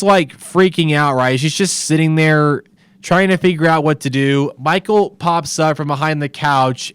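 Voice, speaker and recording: A man hosting a film podcast, retelling a horror movie in an animated, amused way with sarcastic asides. His voice is smooth and clear, and its pitch swings widely. The sound is dry and close, with no room echo. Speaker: podcast host. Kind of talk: casual film recap.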